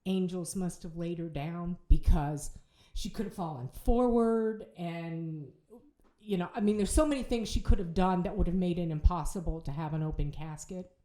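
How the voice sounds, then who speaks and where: Middle-aged woman, dark roomy voice. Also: lowish voice. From Ohio, United States. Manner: halting, with restarts and repeated words. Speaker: bereaved mother, podcast guest. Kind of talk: emotional personal storytelling. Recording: roomy echo.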